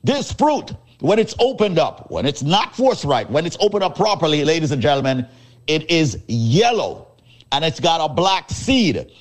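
A man hosting a radio show, giving a showy, teasing sales pitch and repeating his points. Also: very animated, moderate pace. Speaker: radio host selling a supplement.

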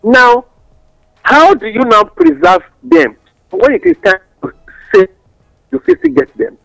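High-pitched Nigerian man explaining in Pidgin. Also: very animated, a little slow, vocal fry, a bit bright, dry recording, soft background music, rough recording. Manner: didactic, uses examples and rhetorical questions. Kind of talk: explanatory talk in West African Pidgin English.

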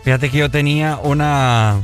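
A man's voice: on the high side, normal speed, faint music behind. A man co-hosting a radio show, joking around in casual chat and imitating accents. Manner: jokey, animated, imitates accents. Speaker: radio co-host.

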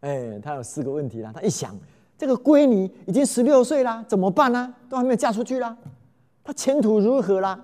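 A man's voice: high-pitched, fairly quick. A man telling a folk tale, exclaiming often and quizzing his listeners. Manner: animated, exclamatory, asks listeners questions. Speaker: storyteller.

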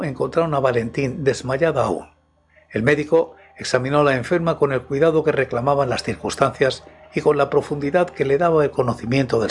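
A man reading a classic novel aloud as an audiobook narrator, in a steady, even delivery. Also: mid-range voice. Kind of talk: scripted literary narration.

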